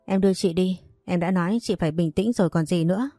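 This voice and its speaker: A woman's voice: fairly low pitch, fast, warm tone, no room sound, clean studio sound, soft background music. Woman voicing a worried younger brother. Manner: pressing, worried questions. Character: young man, protective excitable younger brother.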